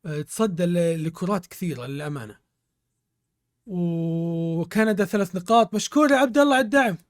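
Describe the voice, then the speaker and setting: A man's voice: high voice, lively intonation, brisk. A man streaming a football video game, commentating live, exclaiming in bursts, repeating words and thanking his viewers. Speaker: gaming streamer.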